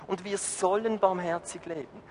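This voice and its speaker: A man's voice: high-pitched, fairly even intonation, normal speed, a little mellow. A man preaching a sermon, emphatic, putting questions to the congregation. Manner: emphatic, rising and falling. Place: church hall. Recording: reverberant hall, faint noise.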